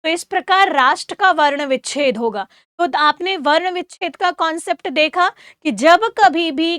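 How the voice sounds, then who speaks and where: A woman teacher giving an exam-prep grammar lesson. She asks questions and answers them herself, spells sounds out slowly for her students, and sets them homework. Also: sits high, a bit bright, no room sound, studio quality. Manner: addresses students as "beta", gives homework.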